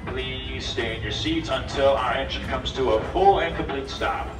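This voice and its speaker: Man on an outdoor loudspeaker, echoing. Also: mid-range voice, moderate pace, distant mic, over music. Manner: firm, repetitive, polite instructions. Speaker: train conductor. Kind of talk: live safety announcements. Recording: echoey loudspeaker heard from afar.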